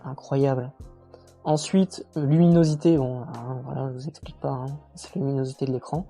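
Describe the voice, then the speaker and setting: Male vlogger, casual walkthrough, mellow warm voice, easygoing and self-mocking. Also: mid-range voice, fairly quick, soft background music. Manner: relaxed, chatty, many fillers and self-mocking jokes. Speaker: motorcycle reviewer.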